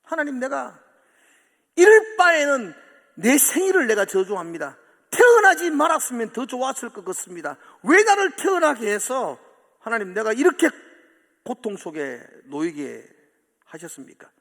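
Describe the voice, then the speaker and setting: A man's voice: fairly high pitch, big pitch swings, moderate pace, gravelly, a bit bright, heavily acted. A male preacher voicing Job, a suffering man who pleads and laments before God, with long church hall reverb. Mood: anguished.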